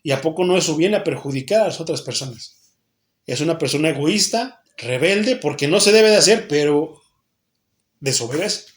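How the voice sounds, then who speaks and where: A man's voice: a little high, expressive, moderate pace. A Mexican pastor preaching an earnest sermon to his church, asking himself questions and answering them, often repeating and restarting phrases.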